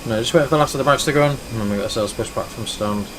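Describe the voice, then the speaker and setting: A man's voice: medium pitch, very fast, background noise. A man giving casual running commentary to viewers as he flies a flight simulator. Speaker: streamer flying a flight simulator.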